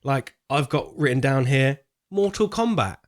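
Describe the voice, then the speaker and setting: On a casual film podcast, a co-host speaks with an animated mid-range voice at a measured pace, keeping things informal and full of slang.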